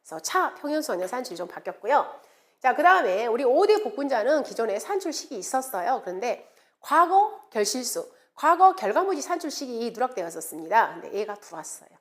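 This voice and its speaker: A middle-aged woman lecturing to exam students, her voice set a little high and swinging widely up and down. She repeats key terms over and over and breaks into sing-song memory chants. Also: a little fast. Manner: animated, repeats key words, playful mnemonic chanting. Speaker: exam prep instructor.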